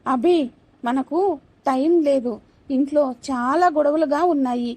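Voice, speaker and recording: A woman's voice: high-pitched, a little slow, darkish tone. A woman voicing a headstrong young woman, the daughter of a wealthy family, talking earnestly and pleading in a storybook drama.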